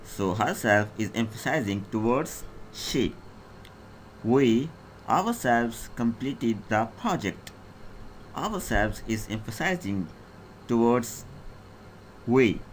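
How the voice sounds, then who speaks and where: A man gives an English grammar lesson in a slow, careful pace and a somewhat low voice. He reads out each definition and then explains it again in his own words, stepping through word lists and example sentences one at a time. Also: a little hiss or hum. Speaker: English teacher.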